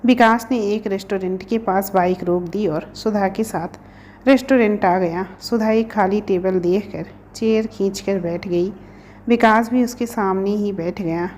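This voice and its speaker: A woman narrating a romantic story in a steady storytelling tone. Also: mid-range voice, measured pace, slight background noise.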